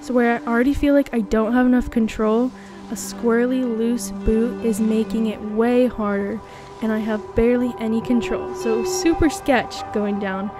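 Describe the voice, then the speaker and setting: A woman's voice: fairly high pitch, steady tone, normal speed, over music. A young woman chatting casually into her camera for a vlog, laughing now and then as she tells stories. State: sprained ankle. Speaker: vlogger. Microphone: action camera.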